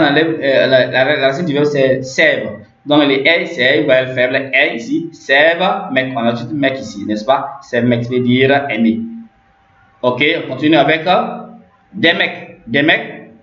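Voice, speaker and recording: A man teaching a language lesson who explains step by step, repeats each example and often checks in with "ok?". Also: medium pitch. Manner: repetitive, checks in with "ok?" and "n'est-ce pas?". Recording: roomy, dull lo-fi sound.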